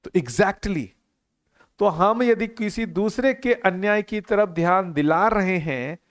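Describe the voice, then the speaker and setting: A middle-aged man giving an earnest talk to a live group, asking questions and repeating his key phrases. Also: high voice. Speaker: teacher of a value-education course.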